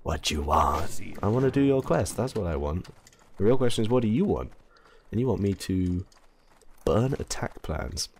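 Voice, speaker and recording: An English man talks his way through a game session in a deep, low register. He wanders off topic and second-guesses himself as he goes. A faint hiss of noise sits behind his voice. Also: animated, normal speed, dark tone. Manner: rambling, self-correcting, chatty. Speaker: let's play commentator. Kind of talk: casual gameplay commentary.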